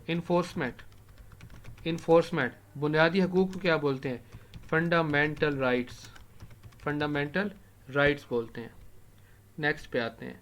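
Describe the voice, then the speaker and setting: Keyboard clicks accompany a man teaching English vocabulary in a recorded lesson. Urdu is his first language; his voice is fairly high and bright, and he slowly repeats key words while typing them.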